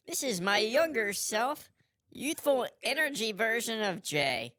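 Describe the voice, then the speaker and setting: A podcast co-host using a voice changer that pitches his voice up, playing a hyper, excitable younger clone of himself. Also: unhurried, no room sound, full character voice. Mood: giddy. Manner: bouncy, goofy, playing along. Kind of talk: casual podcast chat.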